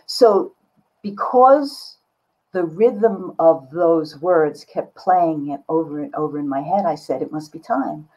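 This older woman artist has a deep, slow, slightly mellow voice, and she speaks casually and candidly as a video-call interview guest. The reflective chat happens indoors in a home studio filled with books, with audio that sounds a little dull.

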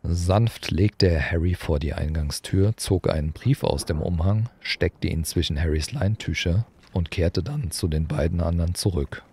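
A man reading a children's audiobook aloud in an expressive storytelling manner. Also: sits low, moderate pace, hardly any pauses, husky. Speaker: audiobook reader. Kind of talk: audiobook narration.

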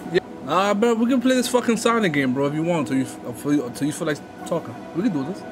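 A man's voice: fairly high pitch, lively intonation, normal speed, over music. A young man on a headset making prank phone calls from home, pushy and demanding, with lots of street slang. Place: home streaming room, indoors.

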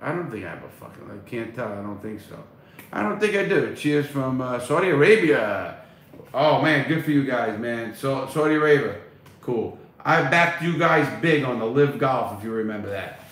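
With an animated, fairly bright medium-pitched voice at normal speed, a middle-aged man reads chat aloud on a casual livestream and gives blunt, expletive-heavy replies. He's recording on a phone held at arm's length inside a small room at home; the audio is echoey and slightly noisy.

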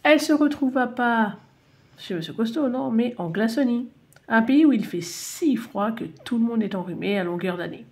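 Animated woman reading a children's story. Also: a little high, normal speed. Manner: animated, playful.

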